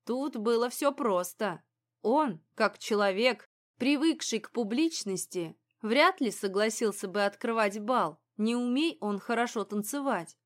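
Lady reading a romance audiobook, calm even voice, kinda high. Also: measured pace. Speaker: audiobook narrator. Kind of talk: scripted audiobook narration.

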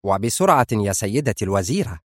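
A man's voice: on the low side, sing-song, fast talker, dry recording, studio quality. Man voicing a sly, fawning male spy. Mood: sly, insistent. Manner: ingratiating and cunning. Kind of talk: audiobook character voice.

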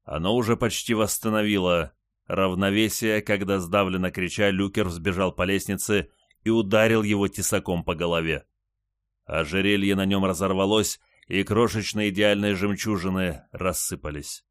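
A man reading an audiobook in an even, measured narration. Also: deep voice, clean tone, dry recording, studio quality. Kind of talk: scripted narration.

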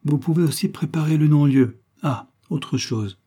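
A man's voice: a little high, warm tone, pitched above the performer's own voice, close to an everyday voice. A man voicing a shrewd undercover detective. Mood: firm. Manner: assured, deliberate. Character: shrewd middle-aged male police detective, disguised as gardener. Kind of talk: audiobook character voice.

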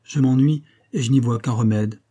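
A man's voice: mid-range voice, moderate pace, warm tone, breathy edge, natural voice. A man reading the part of a haughty young woman who speaks curtly and with disdain. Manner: curt, disdainful. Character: haughty, cold young woman, curt and bored.

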